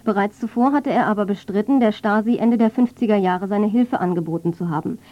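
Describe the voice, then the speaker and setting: A woman's voice: mid-range voice, brisk. A woman reading scripted radio news in a factual, neutral manner. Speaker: radio newsreader. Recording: dull, band-limited medium-wave radio.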